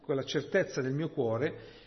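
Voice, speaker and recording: A male preacher of ordinary pitch, unfolding a Bible passage with slow, weighty emphasis and frequent rhetorical asides to his congregation. The recording sounds dull and muffled, with a long church-hall reverb trailing behind his words. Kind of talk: sermon.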